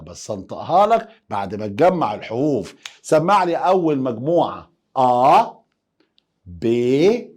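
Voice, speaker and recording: A man with an Egyptian Arabic accent teaching a lively lesson, playfully coaxing students to repeat letters after him. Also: mid-range voice. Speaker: German teacher.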